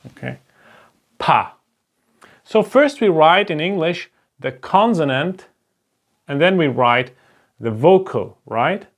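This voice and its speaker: A German-accented man, German by native tongue, teaches Hebrew slowly at a board and often asks "right?" as he goes step by step. He has an expressive voice on the high side and talks slowly with long pauses.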